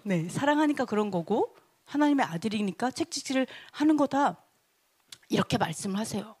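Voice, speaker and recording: A woman with a high voice delivers an animated sermon, often turning to her listeners with rhetorical questions. The sound is close and dry, with no room around it. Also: a little fast, slightly rough, no room sound. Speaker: preacher.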